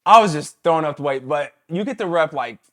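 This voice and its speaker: A man in his thirties, a former pro football player, telling stories in a casual interview and sometimes mimicking his coach's shouts. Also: on the high side, expressive, fairly quick.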